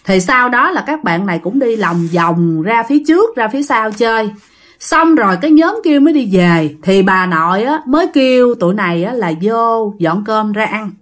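A woman's voice: on the high side, lively intonation, normal speed. A woman telling a ghost story in a chatty, rambling way. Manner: chatty, rambling, filler-heavy. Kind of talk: casual ghost-story narration.

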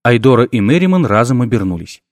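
A male audiobook narrator with a mid-range voice, reading fantasy with lively, animated swings in pitch. The recording is dry and close, with no room sound. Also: fast, dry recording. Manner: expressive, lively storytelling. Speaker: audiobook reader.

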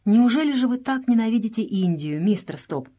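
A woman voicing a polite young boy who speaks gently and with mild teasing in a storybook reading. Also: a little high, expressive, fairly quick, voice pushed up.

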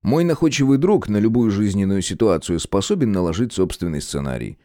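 A man narrating an audiobook in the first person, wry and expressive. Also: lowish voice, brisk, no room sound, studio quality.

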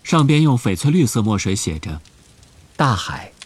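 A man reading an audiobook with expressive scripted storytelling narration. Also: medium pitch, a little fast, husky.

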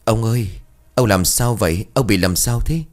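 Man reading a village wife, nagging, frightened, low voice, ghost story reading. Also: moderate pace, a little mellow, close to an everyday voice. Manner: nagging, then pleading. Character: irritated, frightened middle-aged wife.

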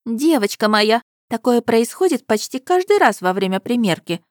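A woman's voice: fairly high pitch, very animated, moderate pace, darkish tone, dry recording, clean studio sound, voice pushed up. A woman narrator putting on a fussy, easily offended middle-aged woman dressmaker in an audiobook. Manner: fussy, exasperated.

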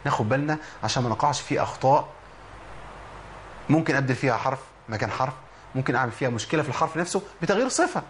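A man with an Egyptian accent teaching Quran recitation in a lively lesson, quizzing listeners and slowly sounding out letters. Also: medium pitch, slight background noise. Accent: Egyptian Arabic. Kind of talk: spoken tajweed lesson.

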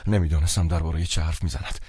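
A man narrating a novel in the first person, measured and expressive. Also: extremely low pitch, slightly rough, no room sound, studio quality. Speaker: audiobook narrator.

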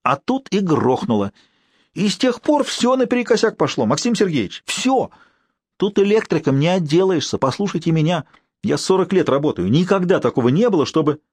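A man's voice: fairly high pitch, big pitch swings, a little fast, darkish tone, husky, no echo, studio quality, voice pushed up. A male narrator voicing a fussy, superstitious older caretaker who pleads in a folksy way. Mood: insistent. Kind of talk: audiobook character voice.

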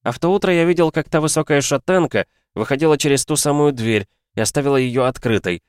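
A man's voice: fairly high pitch, quick pace, clean tone, dry recording, voice pushed up, lightly acted. A defiant young man confronting his father, his voice lifted and urgent, as a narrator puts him on. The sound is dry and close. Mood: accusing. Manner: accusing, raised and intense.

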